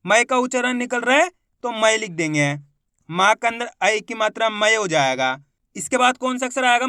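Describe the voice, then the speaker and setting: A man teaching Hindi reading in a slow classroom style, sounding out words syllable by syllable and asking the viewer repeated questions. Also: sits high, bright, forceful tone, clear, resonant tone, no echo, clean studio sound.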